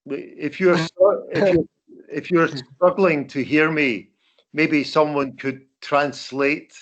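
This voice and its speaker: An older man with a broad Scottish accent giving an informal talk as a veteran journalist, halting and repeating words. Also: on the high side, steady tone, a bit bright. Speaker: veteran journalist, guest speaker. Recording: dull lo-fi call audio.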